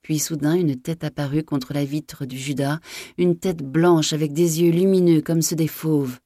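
A woman narrating a story in a measured, dramatic reading. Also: low voice, steady tone, dark tone, dry recording, clean studio sound.

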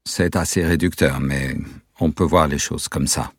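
A paranoid young stranger from a storybook reading, guarded and tense, weighing each word, as a male narrator puts him on. the voice sits very low, husky and dry. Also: steady tone, a little slow, no room sound, exaggerated voice. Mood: awkward. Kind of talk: audiobook character voice.

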